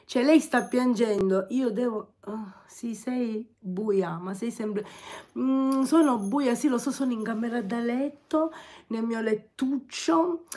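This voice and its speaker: A woman's voice: a little high, a little mellow. A woman in her forties with a Sicilian accent, chatting affectionately and teasingly on a livestream from her bedroom, reading comments into her phone camera. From Sicily, Catania. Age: 40s. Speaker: livestream host.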